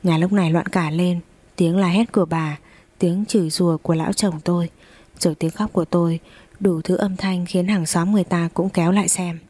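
A young woman tells a first-person story at a brisk, steady clip. Her voice sits low with a mellow, dark tone. The recording is close and dry. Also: breathy edge, dry recording. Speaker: narrator. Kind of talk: first-person story narration, voicing all characters.

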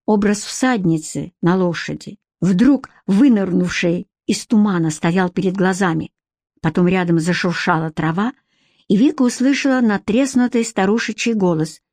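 A woman narrating an audiobook in a steady, expressive storytelling manner, recorded close to the mic. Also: medium pitch, moderate pace, no echo. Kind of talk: scripted narration.

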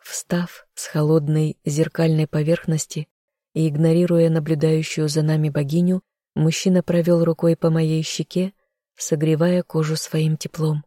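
An audiobook narrator reads first-person narration in a measured way. The delivery is flat and even, with a mellow, dark tone. The recording is dry and close. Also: medium pitch, no echo.

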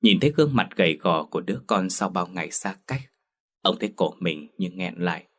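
A man narrating a ghost story in a slow, emotive scripted reading. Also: low-pitched, animated, fairly bright tone, husky. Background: faint music.

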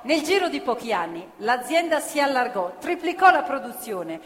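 A theatre narrator with a high, sing-song voice and a moderate pace tells a play about factory workers, her impassioned storytelling sliding into song. The recording is a live stage show on a theatre stage, with long reverb and music.

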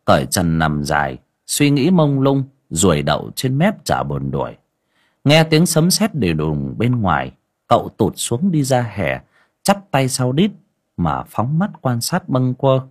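Husky, expressive male storyteller. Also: mid-range voice. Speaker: narrator. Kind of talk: audiobook narration.

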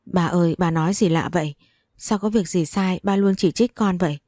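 A woman's voice: on the low side, moderate pace, mellow, dry recording, studio quality, close to an everyday voice. A woman voicing a young wife hurt by her cruel father, speaking plaintively in an audiobook story. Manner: plaintive, confiding.

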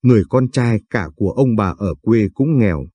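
A man narrating a late-night audio story in a calm, measured way. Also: fairly low pitch, slightly rough, dry recording.

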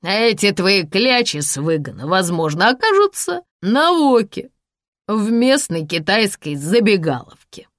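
A woman's voice: medium pitch, very animated, unhurried, no echo, studio quality, voice pushed up. A woman reading an audiobook, voicing a drunken, boastful ruined man who slurs his words theatrically. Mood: drunk, mocking. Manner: slurred, theatrical, loud. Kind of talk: audiobook character voice.

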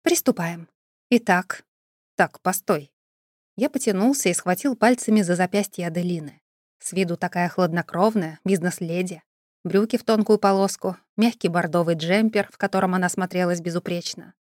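A woman narrating an audiobook in an even, first-person storytelling manner. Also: fairly low pitch, a little fast, dry recording, studio quality.

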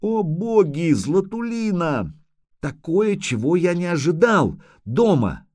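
A man voicing a hearty middle-aged merchant who talks in booming exclamations. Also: sing-song, takes it slowly, a little mellow, heavily acted.

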